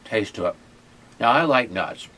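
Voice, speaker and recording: A man hosting a casual food tasting video, talking in a halting way with many pauses and fillers. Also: on the low side, animated, pushed and bright. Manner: hesitant, many fillers and restarts. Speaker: ministry owner and host. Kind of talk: casual chat and taste test.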